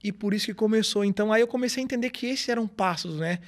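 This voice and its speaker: A man's voice: sits high, racing. A man, a guest speaker in a podcast interview, telling stories and acting out what people said to him. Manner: animated storytelling, acts out quoted dialogue.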